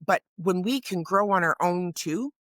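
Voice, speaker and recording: Woman podcast co-host with a deep voice, earnest and reflective, dry close mic. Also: a little slow, fairly bright tone, no room sound. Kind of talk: reflective conversation.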